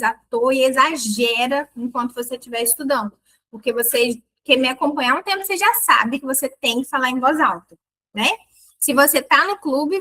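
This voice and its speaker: A high-pitched woman teaches an online English lesson, explaining grammar in a lively, playful way and exaggerating her intonation on the examples. She is chatty and playful with her students, and the recording is rough.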